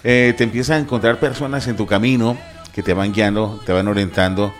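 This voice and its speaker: A man hosting a radio interview, warmly announcing and welcoming a guest, then asking questions in an upbeat, conversational way. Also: fairly low pitch, steady tone, a little fast, soft background music. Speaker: radio host.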